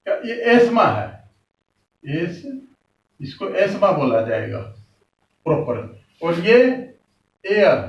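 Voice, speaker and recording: A man teaching English pronunciation in a lesson, with an Indian accent, slowly repeating each word several times. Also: high-pitched, highs cut off. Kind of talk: classroom lesson. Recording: echoey room, mic far off.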